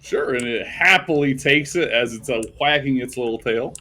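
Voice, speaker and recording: A man's voice: medium pitch, moderate pace, sharp tone. A man running a tabletop game as game master, narrating casually and loosely. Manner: casual, easily amused, loose descriptive narration.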